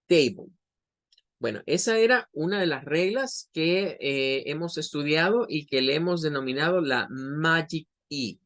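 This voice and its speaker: Slow, patient Spanish-speaking English teacher. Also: male voice, on the high side, a bit bright. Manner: slow, patient explaining with drawn-out example words. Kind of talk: online class lesson.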